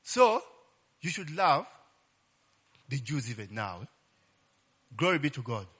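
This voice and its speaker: This man speaks at a medium pitch with a sing-song lilt, taking his time, his voice a bit bright and slightly rough. He preaches a casual Bible-teaching sermon in call-and-response style, often ending phrases with a questioning "eh?" and crying out "Glory be to God" and "Hallelujah."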